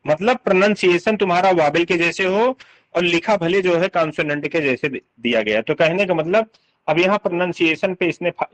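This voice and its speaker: Male literature tutor, fairly high voice, patient step-by-step explainer, radio-style sound. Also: low-quality recording. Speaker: English literature teacher. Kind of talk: exam-prep lecture.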